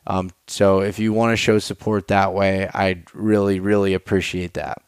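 A man's voice: low voice, little pitch movement, normal speed, clean tone, dry recording, studio quality. An American man hosting a podcast, talking casually and informally with hesitant phrasing. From Pennsylvania, United States. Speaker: podcast host.

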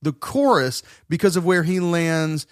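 A man's voice: a little high, lively intonation, measured pace, no echo, studio quality. A man co-hosting a podcast, talking through a song's music theory in a rambling way with many fillers and restarts. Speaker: podcast co-host. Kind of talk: casual music-analysis chat.

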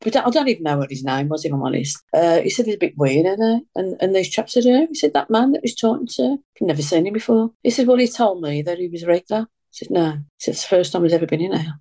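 A woman's voice: fairly low pitch, rapid-fire, hardly any pauses, mellow. An older woman, telling a story in a rambling way, often repeating herself and quoting others. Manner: rambling, repeats herself, lots of reported speech. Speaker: guest. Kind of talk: casual storytelling.

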